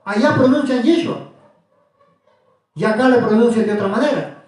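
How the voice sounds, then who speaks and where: A man preaching to a small group, pressing his point with repeated questions. His voice sits high, and it rings around a very echoey room. The mic is some distance away. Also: moderate pace, a little mellow. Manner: questioning, repetitive, insistent. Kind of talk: religious teaching to a small group.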